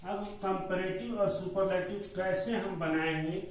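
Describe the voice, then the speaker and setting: Male teacher, slow and repetitive, high voice; recorded from a distance in a very echoey room. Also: fairly even intonation. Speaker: school teacher. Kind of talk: classroom grammar lesson. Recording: echoey room, mic far off, faint noise.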